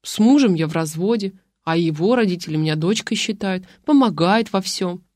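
A woman's voice: fairly low pitch, normal speed, darkish tone, no echo, clean studio sound, lightly acted. A woman reading an audiobook voices a divorced woman speaking fondly of her in-laws. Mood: sincere. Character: kind divorced woman, warm toward in-laws.

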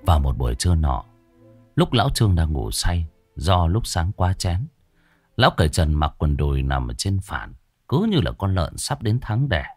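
A man narrating a village ghost story in a slow, dramatic, folksy way. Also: sits low, big pitch swings, a little mellow, breathy edge, dry recording, faint music behind. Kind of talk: spoken horror story narration.

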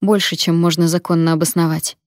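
A woman's voice: level tone, a little fast, a little mellow, dry recording, clean studio sound, natural voice. Woman voicing a desperate, pleading young heroine. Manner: shrill, pleading. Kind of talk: audiobook character reading.

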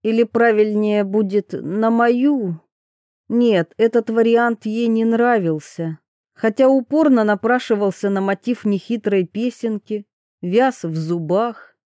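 Brief: woman audiobook narrator, unhurried and measured, dry close sound. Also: medium pitch, mellow, no echo. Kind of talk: scripted literary narration.

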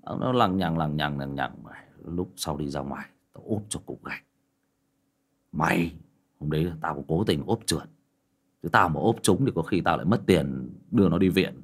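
A man's voice: very deep voice, moderate pace, husky. A man telling a rambling story in a casual, blunt way and speaking straight to his listeners. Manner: rambling, blunt and expressive, addresses listeners directly.

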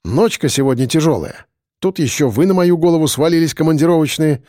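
Man voicing a weary police lieutenant colonel, even, measured, fairly high mellow voice. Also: dry recording, clean studio sound, natural voice. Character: tired, weary middle-aged male police lieutenant colonel. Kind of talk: audiobook reading.

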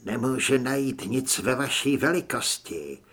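A man's voice: mid-range voice, animated, a bit bright, slightly rough. A man voicing a cold, reproachful criminal who talks in a clipped way in an audiobook.

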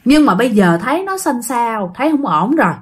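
A woman's voice: fairly high pitch, very animated, fairly quick, husky. Chatty woman with a Southern Vietnamese accent. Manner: chatty, addresses listeners directly. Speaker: storyteller. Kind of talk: casual ghost-story narration.

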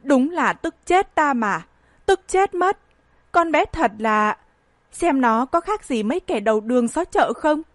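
A woman's voice: high-pitched, lively intonation, measured pace, no echo, studio quality. A woman reading an audiobook voices a stern, disappointed old grandfather who scolds and sighs. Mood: angry. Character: stern old grandfather, head of a rich family.

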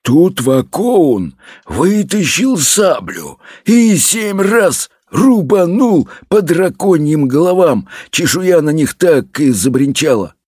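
A male reader telling a fairy tale with a lively storyteller's lilt. His voice is on the higher side and sounds husky. The recording is dry and close. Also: slow, no room sound. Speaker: audiobook reader. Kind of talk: expressive fairy-tale reading.

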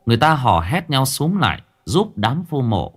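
A man narrating a ghost story in a dramatic, vividly expressive style. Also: mid-range voice, moderate pace, slightly rough.

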